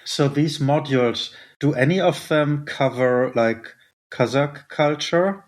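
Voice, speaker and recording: A man's voice: fairly high pitch, takes it slowly. A man asking conversational questions as an interviewer.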